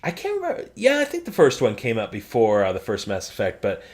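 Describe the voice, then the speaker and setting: A man co-hosting a casual gaming podcast, excitable, swearing freely and laughing often. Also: lowish voice, quick pace. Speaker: podcast co-host.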